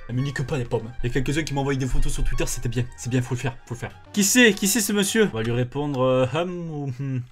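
A young man giving casual let's-play commentary as a gaming YouTuber, excitable and swearing often as he laughs at his failures. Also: mid-range voice, quick pace, hardly any pauses, soft background music.

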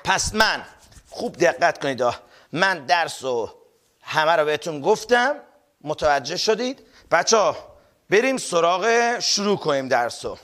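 A man teaching a live online class, energetic, repeating key terms and calling on the students often. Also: on the high side. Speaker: online tutor. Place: indoors, filmed for a live class.

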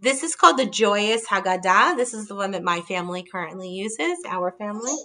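This friendly host, a woman in her thirties, presents holiday table ideas over a casual video call captured by her laptop camera in the dining room. Her medium-pitched voice is animated and brisk, with a sharp tone. She holds up books while she explains.

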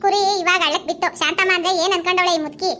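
A sly village woman, played by a woman, coaxes and flatters in a Mandya Kannada accent. Her voice is very high and bright, and she talks fast with quick retorts. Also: soft background music. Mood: wheedling. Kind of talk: village comedy skit acting.

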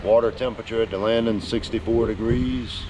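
A man's voice: on the low side, fairly even intonation, fairly quick. A man casually narrating his kayak fishing trip in a matter-of-fact, laid-back way, recorded outdoors on the water. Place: outdoors on a kayak on a bayou canal. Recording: outdoor wind and water noise.

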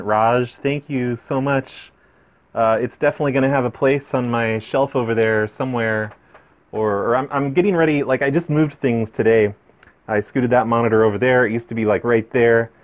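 Man, casual vlog chat, rambling, easily amused, mid-pitched voice. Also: moderate pace. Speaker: vlogger opening fan mail.

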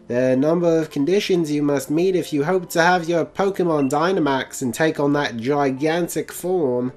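A man voicing an elderly, proper woman professor in a put-on British accent, with drawn-out, plummy phrasing. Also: on the high side, darkish tone, pitched above the performer's own voice, natural voice.

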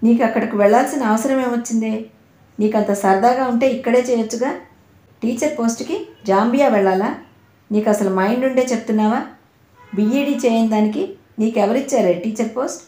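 A woman's voice: mid-range voice, brisk, warm tone, close to an everyday voice. List: woman voicing young elder sister, impatient, scolding, storybook, echoey room. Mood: angry scolding. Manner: scolding, exasperated. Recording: roomy echo.

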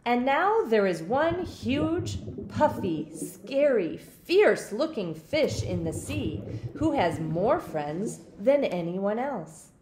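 A woman reading a children's picture book aloud expressively, with dramatic pauses and emphasis for young listeners. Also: a little high, sing-song, noisy background. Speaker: storybook reader.

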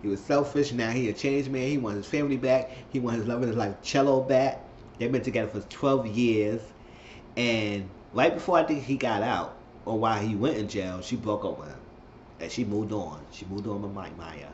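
A man recapping a reality show episode in casual, gossipy commentary, animated and quick to act out what people said. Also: lowish voice, echoey room, muffled recording, a little hiss or hum. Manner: animated, gossipy, acts out the quotes. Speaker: reality TV reviewer.

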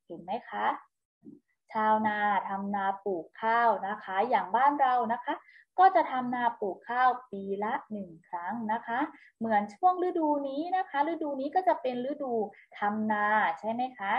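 High-voiced woman teaching small children. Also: animated, slightly rough, lo-fi sound. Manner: slow, sing-song, ends nearly every phrase with polite particles. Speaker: kindergarten teacher. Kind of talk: recorded online lesson for young children. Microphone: home video recording.

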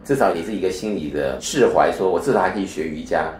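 Man, spiritual teacher, very low voice, lecturing with rhetorical questions, echoey room. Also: fast talker, darkish tone, a little hiss or hum. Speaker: spiritual teacher being interviewed. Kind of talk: explanatory interview talk.

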